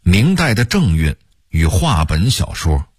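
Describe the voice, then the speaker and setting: A man's voice: sits low, very animated, measured pace, husky, dry recording, clean studio sound, soft background music. A man giving scripted radio narration on history, speaking in a folksy way and addressing the listener directly. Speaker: radio presenter.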